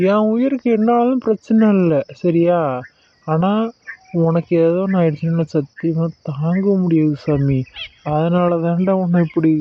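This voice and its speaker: A man voicing Aravind, a protective young husband who comforts and gently scolds his wife. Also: on the high side, lightly acted. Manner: comforting, coaxing, affectionate scolding. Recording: dull lo-fi sound.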